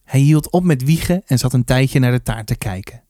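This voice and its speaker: Man reading a kids book out loud, lively, dry close mic. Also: mid-range voice, brisk, dry recording. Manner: lively first-person storytelling. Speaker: storybook reader. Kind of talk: reading a children's book aloud.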